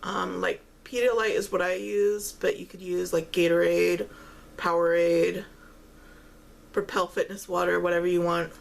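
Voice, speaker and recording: A woman chatting casually while eating, chewing as she talks and pausing often between phrases. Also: fairly low pitch, steady tone, gravelly. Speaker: vlogger eating on camera while talking. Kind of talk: casual mukbang-style chat.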